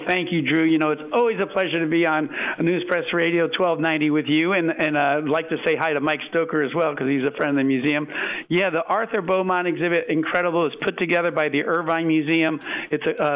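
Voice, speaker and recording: A man with a fairly high voice explains things as a guest on a radio interview. He is conversational and a bit halting, doubling small words. The recording is somewhat muffled and lo-fi. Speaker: radio guest, museum director. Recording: dull lo-fi radio sound.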